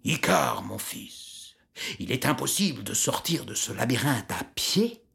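A woman voicing a wise old father in a storybook reading, solemn and measured. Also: a bass voice, huge pitch swings, creaky, a bit bright, heavily acted.

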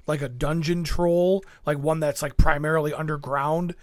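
A man's voice: fairly high pitch, fairly even intonation, normal speed, dry recording. A man hosting a casual podcast, chatting loosely with many fillers and reading out listener questions. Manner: rambling, many fillers, laughs easily. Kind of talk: casual chat.

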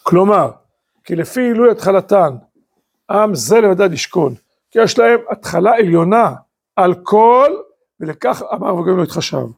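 A man's voice: sits high, animated, creaky, husky. A man, a rabbi, teaching a Torah class, full of rhetorical questions and emphatic rising bursts. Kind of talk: lively Torah lecture.

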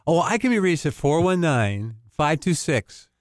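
A man's voice: a little high, sing-song, a little slow, no echo, clean studio sound. A male counselor talking casually on a radio show, explaining and laughing easily. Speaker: family counselor, guest.

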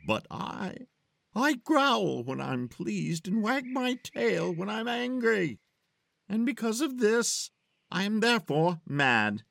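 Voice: mid-range voice, very animated, slow pace, creaky, a bit bright, no room sound, clean studio sound, full character voice. An actor playing the grinning, riddling Cheshire Cat in an audio drama, with a teasing, lilting, philosophical manner. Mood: playful.

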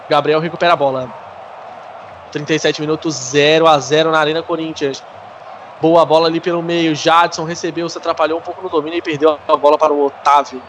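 A man's voice: on the high side, slight background noise. A man with a Brazilian Portuguese accent calling a football match live, play by play.

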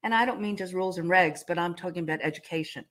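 A woman's voice: lowish voice, very fast, a bit bright. A woman in her seventies hosting an interview, talking in a chatty way with many fillers and restarts, and coughing now and then. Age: 70s. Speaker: host. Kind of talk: casual interview chat.

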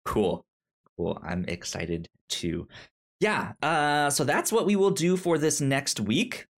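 A podcast host talks casually, his fairly high voice expressive and slow. He stutters often, repeating sounds and syllables.

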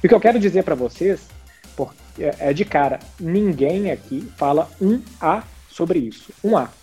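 A man's voice: fairly high pitch, lively intonation, moderate pace, mellow, slightly rough, soft background music. A man from hosting a casual sports podcast. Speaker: podcast host.

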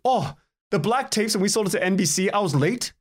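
His voice sits high and is slightly rough, fairly quick with lively intonation. A Canadian podcast guest, he spins casual, animated stories in an interview, chatty, chuckling while he talks and performing the dialogue he quotes.

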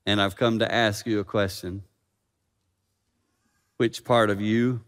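A man preaching a sermon as pastor, swinging from loud dramatic peaks to hushed quiet. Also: lowish voice. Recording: long reverb of a hall.

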